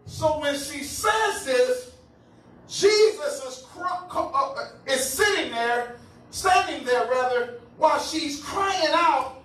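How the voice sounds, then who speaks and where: An animated male pastor preaches, laughing and shouting at times as he calls on his congregation. His voice sits fairly high for a man. He is heard from a distance in a very echoey church hall, with noise behind. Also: slow pace. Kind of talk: lively preaching sermon. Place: church sanctuary.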